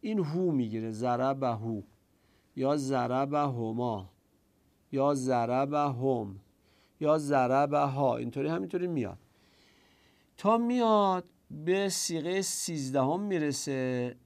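A man with a gravelly, creaky voice teaches a grammar class. He explains each point step by step, recites passages in Arabic and poses questions that he then answers himself. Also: medium pitch, lively intonation, darkish tone. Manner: explains step by step, often asks and answers his own questions.

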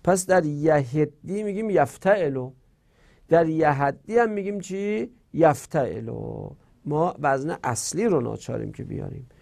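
Male teacher, grammar lecture, slightly high voice, slow rhythmic recitation, rhetorical questions. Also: expressive, creaky, darkish tone.

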